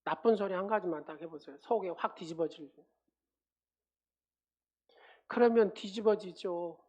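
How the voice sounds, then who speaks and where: A woman's voice: on the low side, moderate pace, dark tone, lo-fi sound. A woman pastor preaching a sermon at a church service, driving her points home with repeated phrases and questions to the congregation.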